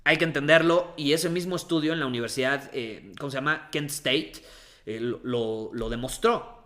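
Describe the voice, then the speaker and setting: Emphatic man coaching, bright voice. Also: mid-range voice. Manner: emphatic, repeats key phrases, slows down on points. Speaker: coach giving dating and confidence advice. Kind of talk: motivational talk to camera.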